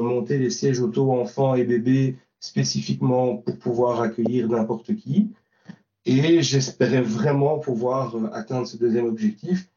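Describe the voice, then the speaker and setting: Man, mellow voice, hesitant storytelling, far from mic, lo-fi. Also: medium pitch. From Belgium. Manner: hesitant, many fillers and restarts. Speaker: volunteer driver recounting trip. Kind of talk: interview answers, recounting. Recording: distant, roomy, dull lo-fi sound.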